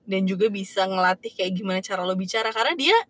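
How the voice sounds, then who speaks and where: A woman's voice: mid-range voice, quick pace, a bit bright, no room sound. A young woman from Indonesia chatting casually, telling stories and acting out what others said. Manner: chatty, storytelling with acted-out quotes. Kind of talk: casual chat.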